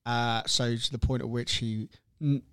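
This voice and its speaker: A man co-hosting a casual chat podcast, relaxed and laughing easily as he quotes his family. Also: mid-range voice, moderate pace, clean tone, no room sound, clean studio sound. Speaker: podcast co-host.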